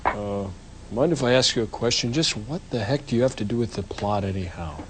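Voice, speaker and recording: A man's voice: fairly low pitch, animated, brisk, noisy background. A man cracking goofy, exclamatory jokes while riffing on a movie, with film music behind him. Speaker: movie riffer. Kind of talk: comedic riffing over a film. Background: film soundtrack music.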